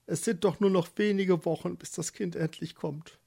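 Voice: medium pitch, fairly even intonation, moderate pace, creaky, mellow, slightly rough, voice pushed up. A narrator voicing a worried young husband in a storybook, earnestly persuading. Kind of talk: storybook reading.

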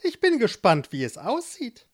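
Smug old witch, high and sweetly sly; a woman puts her on. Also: huge pitch swings, moderate pace.

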